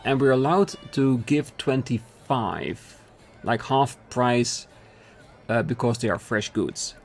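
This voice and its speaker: A man hosting a let's play, reading the dialogue aloud and thinking through choices out loud, often apologetic and laughing. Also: mid-range voice, slow pace, soft background music.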